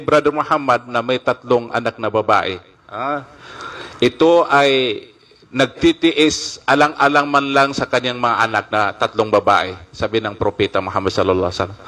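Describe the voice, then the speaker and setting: A man's voice: medium pitch, a bit bright. A male preacher giving a live Islamic lecture, reciting Arabic hadith and verses and explaining them at length, often asking the audience "ha?" and mixing in Maguindanaon words. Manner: frequent "ha?" checks to the audience, many fillers and restarts.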